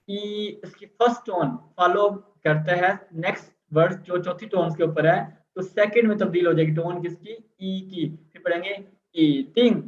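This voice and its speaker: Male teacher, step-by-step explainer, dull echoey room recording. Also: high-pitched. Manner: explains step by step, drawing out example words slowly. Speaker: language teacher. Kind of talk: video language lesson.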